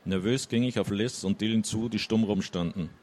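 A man's voice: lowish voice, normal speed, a little mellow. A man reading a first-person novel aloud, with hesitant asides when summarizing. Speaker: audiobook reader.

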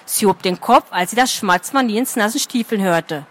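A woman reading a fantasy story aloud at a steady, expressive pace. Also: medium pitch, normal speed. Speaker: narrator.

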